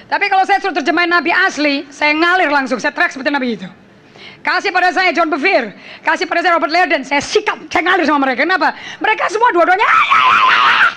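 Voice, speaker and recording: A woman preaching a forceful sermon, slipping English phrases in and calling out to the congregation. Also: very high voice, quick pace.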